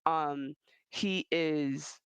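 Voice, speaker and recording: A man co-hosting a podcast, talking in a casual, animated and rambling way with quick restarts. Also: fairly high pitch, clear, resonant tone, dry recording, poor audio. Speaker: podcast co-host. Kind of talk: casual chat.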